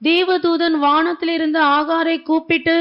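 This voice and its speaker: A woman reading a scripture passage aloud during a sermon, slowly and loudly. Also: extremely high pitch, flat delivery. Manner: slow, loud formal reading. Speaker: scripture reader. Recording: dull, distant lo-fi sound.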